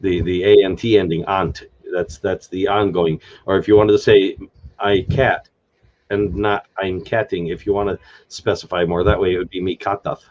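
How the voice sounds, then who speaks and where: A man's voice: sits low, level tone, moderate pace, a little mellow, muffled recording. A man hosting an unscripted live stream, thinking aloud with many fillers and restarts as he explains a made-up language.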